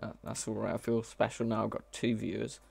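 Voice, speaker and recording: Man, gravelly voice, casual live-coding chatter, halting and self-correcting. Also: fairly low pitch, level tone, a little mellow, no room sound. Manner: thinks aloud, hesitant, self-correcting. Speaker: mod developer streaming live.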